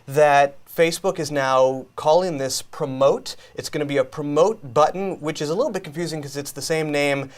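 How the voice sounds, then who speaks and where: A man's voice: a little high, moderate pace, hardly any pauses. Upbeat male web show host. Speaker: co-host of a social media show. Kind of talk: live web broadcast, news discussion.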